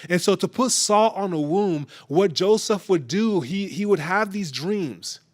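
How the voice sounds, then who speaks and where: A man's voice: high voice, animated, unhurried. A young man giving a sermon as a casual, conversational story, with frequent hesitations. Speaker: preacher.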